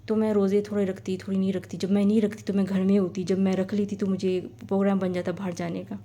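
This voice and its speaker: A woman's voice: mid-range voice, little pitch movement, warm tone. A woman telling a personal story in a casual, rambling way, often repeating her phrases.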